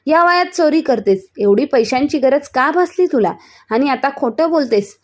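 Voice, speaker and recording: A woman's voice: high voice, lively intonation, normal speed. A woman voicing an angry, suspicious grown son who scolds his mother in a spoken family story. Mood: scolding.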